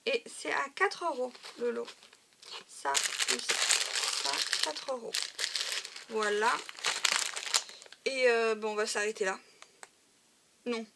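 A woman's voice: fairly high pitch, expressive, slow, gravelly, long pauses. A woman chatting casually as she shows off craft supplies for sale, with lots of "euh" and "voilà". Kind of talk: casual show-and-tell video. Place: home craft room. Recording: noisy home recording, crinkling packets.

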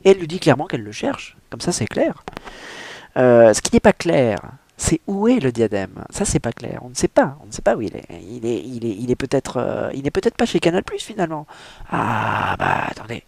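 A male host rambles through a comic monologue, hesitant and self-mocking, tripping over restarts. His voice is gravelly, lively in pitch, and sits close on a dry mic. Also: fairly quick, no echo. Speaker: show host reading a book aloud.

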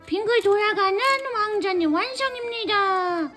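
A woman's voice: very high-pitched, moderate pace, fairly bright tone. A woman hosting a children's toy show, addressing kids in an exaggerated sing-song way. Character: cute childlike cartoon-cat host persona for kids. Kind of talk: kids' toy show presentation, bright exclamations. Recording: music behind the voice. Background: music.

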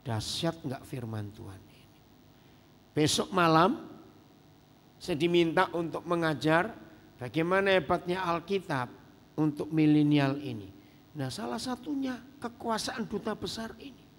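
A middle-aged male pastor preaching a sermon in a lively way, peppering the congregation with rhetorical questions. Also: on the high side, unhurried, pauses often. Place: church hall. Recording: reverberant church hall.

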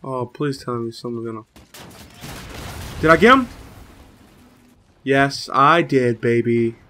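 Young guy w a bright voice, kinda hoarse, hyped cussing commentary over his game. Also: medium pitch, slow, a little hiss or hum. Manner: excitable trash talk, cursing. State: slightly hoarse, a little sick. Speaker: gaming channel host. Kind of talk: live gameplay commentary.

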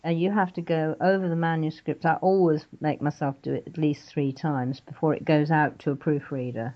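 A woman's voice: low-pitched, fairly even intonation, normal speed. An older woman from England, an author guest, chatting animatedly in an interview and often laughing. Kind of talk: casual interview chat. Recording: dull lo-fi internet radio audio.

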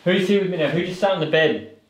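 During a nighttime ghost investigation in a bare basement, a man in his thirties talks fast in a high-sitting voice, pressing unseen spirits with questions and speaking to the camera. The room echoes around him.

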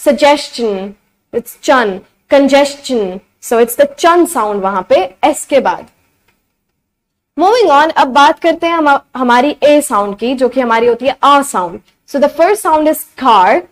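A young woman teaching beginner phonics, repeating each sound slowly and clearly. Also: high voice. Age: young adult. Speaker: English teacher.

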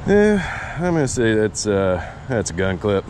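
Speaking in a fairly low, darkish, sing-song voice at a measured pace, a magnet fishing vlogger narrates casually, addressing viewers and himself as he works. He's outdoors on concrete near water under a road bridge, and his chest-mounted action camera picks up noisy ambient audio.

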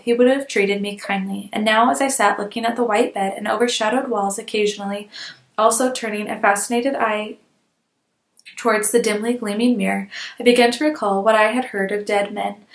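A woman narrating a classic novel aloud in a measured, expressive reading. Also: medium pitch, vocal fry, roomy sound. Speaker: audiobook reader. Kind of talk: literary audiobook narration.

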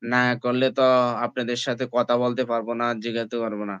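A man's voice: medium pitch, flat delivery, fast, a bit bright, clean tone, dry recording, dull audio. Man chatting to his live-stream viewers. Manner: repeatedly asks viewers to comment and like; calls viewers "brother" and "friends". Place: indoors, at home.

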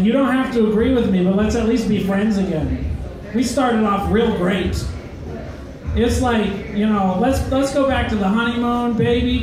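A man's voice: high-pitched, noisy background. A young man doing a stand-up set in a comedy club, self-deprecating and hesitant, with lots of uhs. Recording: echoey club, mic heard from far off. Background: crowd laughter and heckles.

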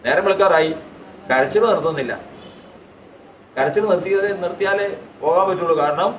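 High-voiced man preaching in an echoey hall. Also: fairly quick, a little hiss or hum. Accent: Keralite. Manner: rhetorical questions answered himself, emphatic repetition. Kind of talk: sermon. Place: church hall. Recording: echoey hall, distant mic.

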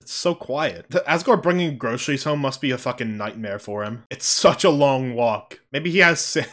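A man streaming a game, joking, swearing and reacting loudly with laughs and yelps. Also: medium pitch. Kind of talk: casual gameplay commentary. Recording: game music behind the voice.

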